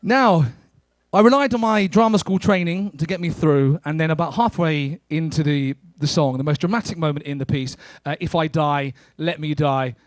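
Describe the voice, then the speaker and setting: A man's voice: on the high side, moderate pace, dry recording. A British man working as a cruise director and entertainer, presenting and telling anecdotes to an audience with a courteous, theatrical showman's delivery.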